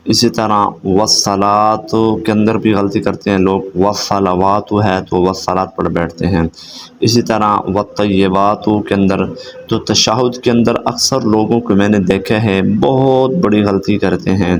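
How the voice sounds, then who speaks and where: A man teaching prayer recitation, explaining quickly and then spelling out words syllable by syllable in a slow, drawn-out chant. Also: on the low side, fairly even intonation, slight background noise. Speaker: religious teacher. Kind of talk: recitation lesson.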